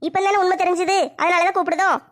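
A woman playing a sharp-tongued, bossy middle-aged mother in a comedy skit, scolding and giving orders. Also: extremely high pitch, fairly even intonation, fast talker. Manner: scolding, commanding.

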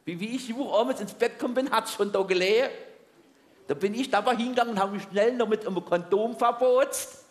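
A Saarland German man with a high voice doing a carnival stage routine. He trips and stammers comically over his opening words. The sound rings with a long hall reverb. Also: brisk. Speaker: carnival comedian. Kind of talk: stage comedy monologue. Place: large carnival hall with audience.

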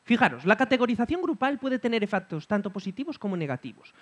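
Lively high-pitched man lecturing. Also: fast talker. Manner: keeps checking in with listeners with a questioning hum. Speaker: speaker at a talk. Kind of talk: reflective conference talk.

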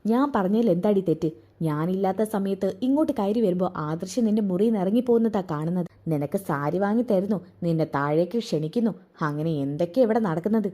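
A woman plays a scheming young husband in a retold serial story, taunting and accusing. The voice is mellow and a little husky. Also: medium pitch, lively intonation, a little fast, close to an everyday voice.

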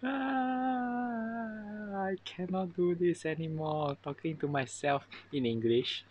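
A young man in his twenties with a Singaporean accent films a casual vlog on his phone, using a clip mic, in a cluttered home workshop. His high voice comes slowly, thinking aloud self-consciously, and the recording is muffled with a little hiss or hum.

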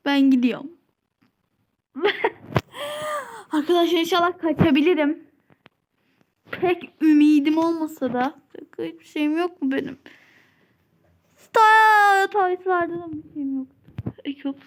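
A woman hosting a playful game-play vlog, giggling often and sometimes dropping to a hushed voice. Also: high voice, measured pace, long pauses, a little hiss or hum. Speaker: channel host.

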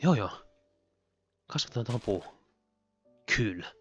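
A man's voice: on the low side, expressive, fairly bright tone, faint music behind. A man giving rambling, giggly commentary on his own gameplay as a Let's Play host. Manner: chatty, rambling, giggly, talks to himself while playing.

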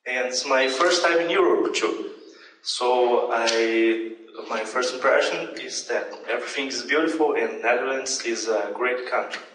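A young Brazilian man whose first language is Portuguese gives a conference talk in halting English, full of fillers and self-corrections. His mid-range voice comes through a handheld mic over room speakers in a large, dim lecture hall with a projection screen. A distant camera records it, echoey and against a noisy background.

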